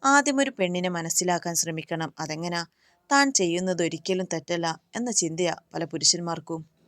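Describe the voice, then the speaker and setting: A woman reads a fearless young heroine in a storybook reading. Her words are firm and scolding. The voice sits low and sounds close and dry. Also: moderate pace, a bit bright, no room sound, natural voice. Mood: indignant. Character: bold young woman who stands up to bullies.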